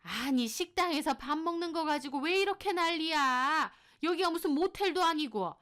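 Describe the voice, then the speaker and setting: A woman voicing a shrill, angry older mother-in-law who scolds her daughter-in-law in a high, loud voice. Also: animated, moderate pace. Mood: scolding.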